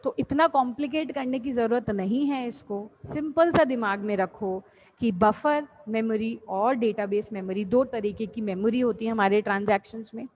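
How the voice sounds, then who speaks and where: A woman's voice: a little high, normal speed, slight background noise. A woman lecturer teaching an online class, patiently repeating each point in simple terms and addressing students fondly. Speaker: college lecturer. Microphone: computer mic on video call. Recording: dull lo-fi online call audio.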